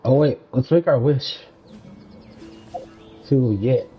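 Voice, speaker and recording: A young man gives unhurried, slangy live commentary while streaming a video game, his mid-range voice husky and informal. The stream audio is slightly dull, with game music in the background.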